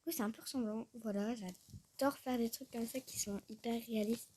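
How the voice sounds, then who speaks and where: A woman's voice: fairly high pitch, steady tone, moderate pace, mellow, slight background noise. A woman chatting casually through a tutorial, rambling, talking to herself and often dropping to a murmur. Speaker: YouTuber showing a tutorial. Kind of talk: casual screen-recorded tutorial chat.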